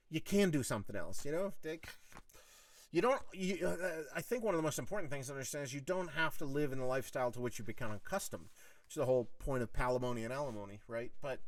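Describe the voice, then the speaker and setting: A man rambles through his solo podcast, swearing freely and leaning on filler words. His voice sits a touch higher than most men's. The sound is close and dry. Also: dry recording, recorded from a distance. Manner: profane, rambling, lots of fillers. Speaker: podcast host. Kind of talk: casual rambling monologue.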